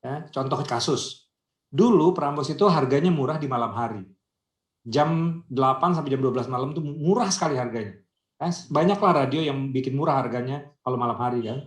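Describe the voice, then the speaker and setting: A man of middle pitch talks in a relaxed, chatty way, building his points with anecdotes and rhetorical questions. His voice comes through a video call with a noticeably roomy, echoey sound. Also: fairly quick. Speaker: radio industry guest speaker. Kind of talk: casual conversational discussion.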